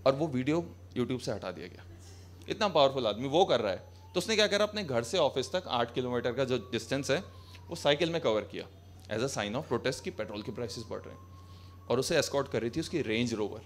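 A man's voice: mid-range voice, expressive, a little fast, a little hiss or hum. A young man doing a live stand-up comedy set on a small cafe stage, talking to the audience in a sarcastic, conversational way through a handheld mic. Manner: conversational, sarcastic, switching between Hindi and English.

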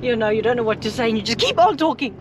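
A woman's voice: fairly high pitch, lively intonation, rapid-fire, distant mic, background noise. A middle-aged South African woman chatting casually and jokingly on a travel vlog inside a car. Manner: jokey. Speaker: travel vlogger. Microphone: action camera held by passenger.

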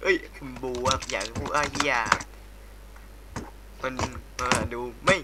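A man chatting crudely with a friend while playing a racing game, speaking quietly into a mic set far from his mouth at home. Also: mid-range voice, measured pace, very noisy. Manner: crude joking banter, swears a lot. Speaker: gamer streamer. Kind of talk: casual gaming chat. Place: home at night.

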